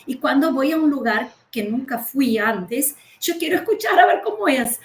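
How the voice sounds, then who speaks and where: A woman's voice: sits high, lively intonation, moderate pace, echoey room. A woman from Uruguay with a Uruguayan Spanish accent, a language teacher talking casually and animatedly, laughing often and jumping between topics. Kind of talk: casual conversation.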